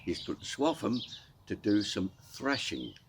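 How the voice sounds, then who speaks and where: A man's voice: fairly low pitch, big pitch swings, moderate pace. An older man with a Norfolk accent, telling folksy anecdotes and explaining local sayings. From Norfolk, England. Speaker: dialect storyteller. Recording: outdoor background noise with birdsong. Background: birdsong and outdoor ambience.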